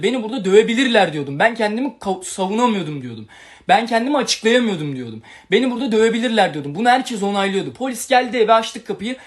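Fast-talking young man, agitated livestream. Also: sits high. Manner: agitated, rambling, retells quarrels with quoted lines. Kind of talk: emotional livestream monologue.

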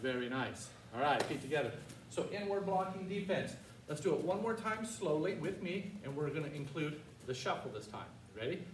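A man's voice: fairly high pitch, very animated, a little fast, hardly any pauses. Older male karate instructor, roomy and distant. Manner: commanding, instructional, calling out short counted cues. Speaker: martial arts instructor. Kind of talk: karate lesson with call-and-response drills. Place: large martial arts studio, indoors. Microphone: far camera. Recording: roomy, distant mic with faint noise.

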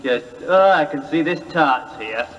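A man's voice: animated, unhurried, a bit bright, far from the mic, lo-fi sound. Comic prince, put-on Scottish accent, boastful and daft, played by a man; reverby old vinyl sound. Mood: blustering. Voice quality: hammy, shifting pitch, dialect bluster. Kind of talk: comedy sketch record. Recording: old record with hall reverb and hiss.

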